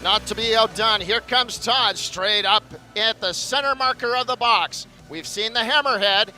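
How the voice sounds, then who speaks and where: Guy doing airshow commentary, forceful high voice, stretches words like an announcer, bit of music behind. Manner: announcer-like, building showmanship with drawn-out phrases. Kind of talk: live airshow commentary to a crowd.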